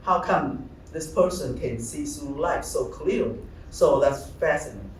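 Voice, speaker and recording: A middle-aged man from Taiwan, a visual artist, giving a halting talk about his slides, often searching for words. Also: fairly high pitch, lively intonation, distant mic. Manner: halting, searching for words, many fillers and restarts. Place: large gallery hall. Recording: echoey hall, speaker off-mic, faint room noise.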